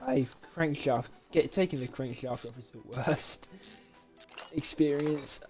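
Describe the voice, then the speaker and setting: A man's voice: medium pitch, measured pace, a little mellow, faint music behind. A young man from Britain giving casual, rambling commentary while playing a car repair game live, talking to himself with frequent restarts and laughs, a bit sleepy. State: sleepy, yawning. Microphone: desk mic with webcam.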